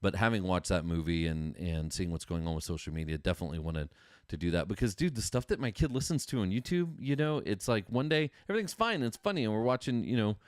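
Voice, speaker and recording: There's no echo on this dry, close recording of a middle-aged American man with a low voice. Hosting a casual solo livestream chat podcast-style, he's expressive and quick, full of enthusiasm and casual slang.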